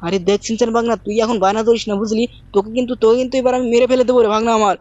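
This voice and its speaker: Woman gamer host, fast bossy banter, slightly high, close dry mic. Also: fairly even intonation, mellow, dry recording, muffled recording. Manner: rapid, bossy uncle-style banter. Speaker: gaming channel host. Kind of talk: game role-play commentary.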